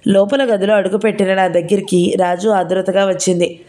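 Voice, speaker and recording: Brief: woman audiobook narrator, mellow, steady first-person storytelling. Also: medium pitch, a little fast.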